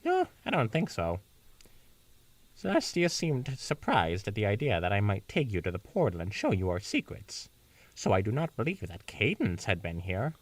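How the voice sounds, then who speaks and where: A man's voice: lowish voice, huge pitch swings, moderate pace, dry recording, far from the mic. A man voicing a regal, ancient female pony princess, reading her lines in a stately, raised voice. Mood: solemn.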